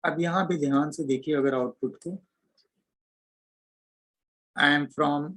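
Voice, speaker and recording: A man's voice: fairly high pitch, steady tone, takes it slowly, a bit bright, poor audio. A man teaching an online programming class, explaining code step by step as he types. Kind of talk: online coding lecture.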